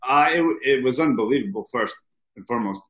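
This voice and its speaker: A man in his thirties from Rhode Island, chatting casually as a guest and letting his stories wander in an easygoing way. His voice sits at a middling pitch. The room adds a noticeable echo. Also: brisk. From Rhode Island, USA. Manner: relaxed, rambling storyteller. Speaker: podcast guest. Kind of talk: casual chat. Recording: roomy echoey sound.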